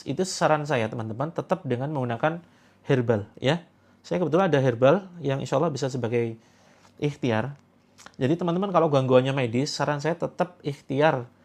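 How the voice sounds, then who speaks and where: A man with a somewhat high voice hosts a live stream in a loose, chatty way. He reads viewers' comments and answers them playfully, laughing and exclaiming as he goes. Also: darkish tone. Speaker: host of a live Quranic therapy session. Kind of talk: casual livestream chat reading viewer comments.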